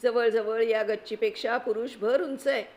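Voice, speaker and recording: A woman's voice: a little high, fairly even intonation, moderate pace, darkish tone, natural voice. A woman voicing a plucky, resourceful boy in a storybook reading, eager and urgent as he gives orders.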